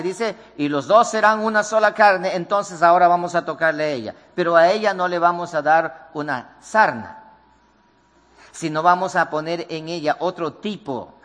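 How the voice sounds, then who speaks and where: A man's voice: high voice, normal speed, fairly bright tone, in a large hall. A man preaching a sermon with emphatic delivery and repeated rhetorical questions to the congregation.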